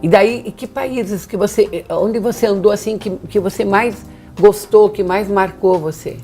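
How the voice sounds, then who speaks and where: A woman's voice: mid-range voice, moderate pace, mellow, faint music behind. A woman hosting a TV interview, asking short questions and prompting her guest. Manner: brief, encouraging interjections. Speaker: TV interview host.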